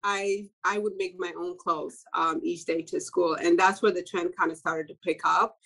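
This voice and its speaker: A young woman from Ethiopia answers interview questions in a soft, fairly low voice. She talks at an easy, unhurried pace, laughing often and leaning on filler words as she goes. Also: fairly even intonation, poor audio. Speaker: fashion designer guest.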